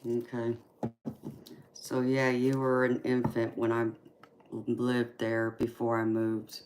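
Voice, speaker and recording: 40s california woman chatting w viewers on a live stream, really low flat voice, lots of easy laughs. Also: takes it slowly, a little hiss or hum. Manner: easygoing, laughs often between remarks. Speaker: tarot reader and livestream host. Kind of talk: casual live chat reading viewer comments.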